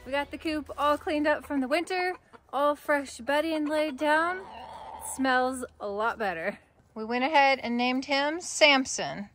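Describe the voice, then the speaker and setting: A woman's voice: sits high, animated, measured pace, a bit bright, a little hiss or hum. A woman in her thirties with an American accent, chatting cheerfully in a casual vlog outdoors by a chicken coop. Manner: cheerful, playful with the animals. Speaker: homesteader, co-host.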